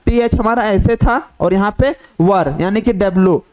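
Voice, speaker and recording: A man teaches at a steady, patient pace, walking through each point and repeating it. His voice sits high for a man and comes through smooth and clear. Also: normal speed. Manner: repetitive, step-by-step explaining, mixing English terms into Hindi. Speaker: shorthand teacher. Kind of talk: whiteboard tutorial.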